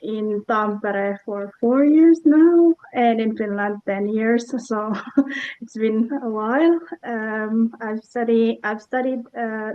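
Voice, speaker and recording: A woman from the Philippines introducing herself, slow and soft with many ums. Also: a little high. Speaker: student ambassador. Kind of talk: self-introduction. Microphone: video call. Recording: thin phone-like video call.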